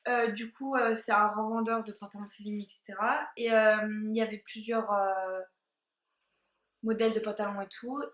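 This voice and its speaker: A woman's voice: mid-range voice, steady tone, moderate pace, a bit bright. A young woman vlogger chatting casually about her purchases, hesitant and full of fillers. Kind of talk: casual haul video chat. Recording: echoey room.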